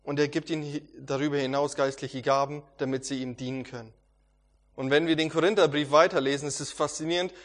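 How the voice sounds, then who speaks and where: A man's voice: fairly high pitch, fairly even intonation, fast. A man teaching a Bible sermon, earnest and emphatic, repeating phrases and sometimes restarting a word. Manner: occasional restarts and stumbles. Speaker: preacher.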